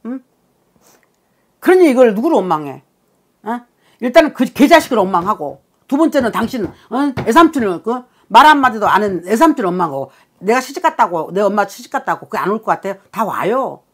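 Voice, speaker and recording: A woman's voice: mid-range voice, big pitch swings, brisk, slightly rough. Blunt, scolding woman shaman. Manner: scolding, swearing, emphatic with rising outbursts. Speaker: shaman fortune-teller. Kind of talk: blunt consultation reading.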